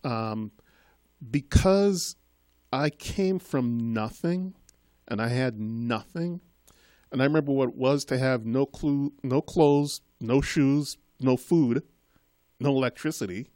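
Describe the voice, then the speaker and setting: In a relaxed interview, a school committee member in his fifties, Trinidad-born but Boston-raised, shares his life story in an earnest, wandering way. His voice is warm and medium in pitch, his pace slow, and the studio-quality audio has no echo.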